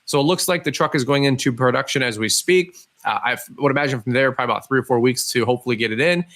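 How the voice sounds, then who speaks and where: A man's voice: medium pitch, rapid-fire, fairly bright tone. A man hosting a podcast as a casual live stream, talking informally and directly to his listeners. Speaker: podcast host. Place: live stream with a cat nearby.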